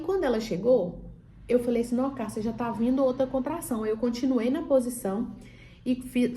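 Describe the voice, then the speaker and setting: A woman's voice: on the high side, darkish tone, slight background noise. A woman telling a personal story in a casual, chatty way, acting out the dialogue as she goes. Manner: chatty, retells dialogue with many fillers. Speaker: vlogger telling her birth story.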